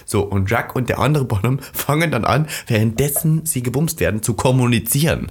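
A man in casual podcast chat, telling cheeky, animated anecdotes. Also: medium pitch, fairly quick, a little hiss or hum.

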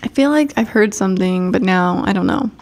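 A woman in casual chat, rambling through a recap with many fillers and quick laughs. Her voice sits at a middle pitch, and her pace wanders between slow and rushed. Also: lively intonation, darkish tone.

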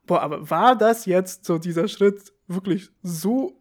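A man's voice: high-pitched, measured pace. Young man telling wry stories. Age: young adult. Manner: wry storytelling, laughs often. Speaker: podcast co-host. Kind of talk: casual chat.

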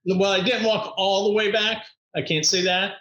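Upbeat higher-voiced man telling stories. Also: steady tone, moderate pace, fairly bright tone, reverberant, highs cut off. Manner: upbeat, laughs often, acts out voices in his stories. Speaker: podcast guest, motivational speaker. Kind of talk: animated storytelling in conversation.

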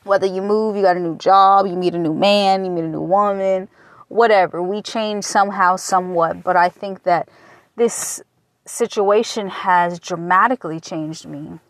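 A woman in her late twenties from Michigan, USA, hosts her own casual personal podcast while waiting at a taco shop. Her mid-range voice is steady and moderately paced, and she talks candidly, a bit ramblingly, with casual swearing, on a dry recording.

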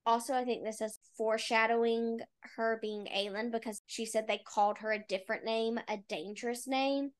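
A woman with a fairly high voice talks through her thoughts on a novel in a loose, chatty way. She sprinkles "like" through her sentences. She is co-hosting a podcast about books. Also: steady tone, normal speed, hardly any pauses. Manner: chatty, with frequent "like" fillers. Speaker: book podcast co-host. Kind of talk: casual book discussion.

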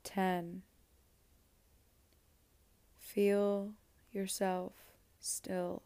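A woman leads a guided meditation, speaking unusually slowly with long soothing pauses. Her voice sits low and stays level, with little rise and fall. The sound is close and dry. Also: little pitch movement, smooth, no echo. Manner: slow, soft, soothing delivery with long pauses.

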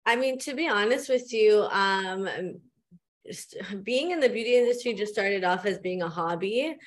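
A woman from Canada, a guest on a podcast, telling her story in a relaxed way with many fillers. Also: medium pitch, normal speed. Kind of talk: casual interview storytelling.

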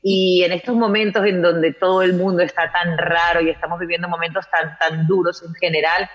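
A woman from Spain with a Spanish accent, a writer and journalist chatting as a guest in an interview, animated and telling stories with frequent tag questions. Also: on the low side, fairly quick, dull audio. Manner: warm, animated storyteller with frequent "¿no?". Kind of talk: casual interview chat.

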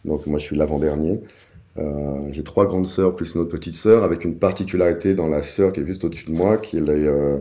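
A man in his forties with an extremely low voice and a deeply dark timbre. He is an interview guest telling his life story, halting with fillers and restarting his sentences as he searches for words. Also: steady tone. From Paris suburbs, France. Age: 40s. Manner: hesitant, many fillers and restarts.

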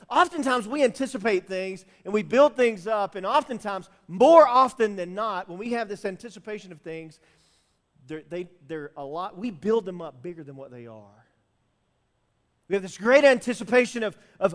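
A male pastor with a high-pitched voice delivers a sermon built around a personal story. He swings between loud, emphatic bursts and soft asides. A long reverb trails his words around the church hall.

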